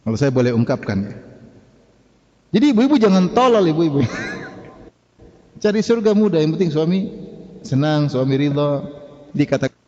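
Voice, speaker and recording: A man's voice: fairly high pitch, lively intonation, normal speed, pauses often, mellow. A male preacher giving a conversational sermon, questioning the audience and laughing now and then. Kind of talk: sermon lecture. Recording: dull reverberant hall recording.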